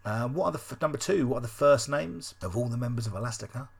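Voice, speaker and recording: A man's voice: mid-range voice, expressive, fast, creaky, breathy edge. A man hosting a casual podcast quiz special, reading out answers in a loose, sweary and sardonic way with plenty of fillers. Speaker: podcast host.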